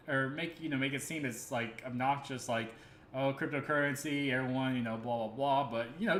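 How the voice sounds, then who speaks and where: A man's voice: a little high, a little hiss or hum. A man hosting a crypto livestream, talking casually and earnestly, rambling with many fillers and restarts. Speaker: crypto stream host. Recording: echoey room with faint ambience.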